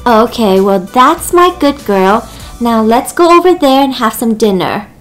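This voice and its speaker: A woman playing a gentle mother who soothes and fusses over her small daughter in a family skit. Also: a little high, lively intonation, measured pace, faint music behind, voice pushed down. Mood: soothing. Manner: soothing and fussing. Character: gentle, fussing mother of young children.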